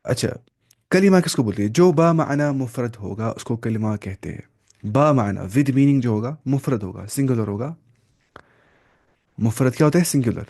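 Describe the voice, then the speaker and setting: A man's voice: medium pitch, animated, warm tone. Man teaching Arabic grammar. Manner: explains step by step, asks the class questions and answers them himself; mixes in English terms and reads Arabic slowly. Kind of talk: online grammar lesson.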